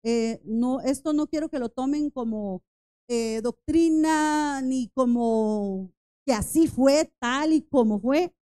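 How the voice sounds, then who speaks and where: A woman's voice: sits high, slow pace, mellow. Tired woman preaching in a church. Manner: earnest, repeats "hermanos" and "¿verdad?"; storytelling asides to the congregation. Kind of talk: sermon-style Bible study.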